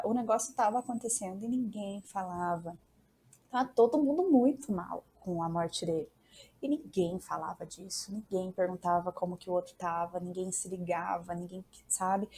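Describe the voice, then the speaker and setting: A woman's voice: lowish voice, moderate pace, darkish tone, a little hiss or hum. A woman, a psychologist guest on a podcast, candidly telling a personal story and quoting what she and her family said. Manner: candid, quotes her younger self and family.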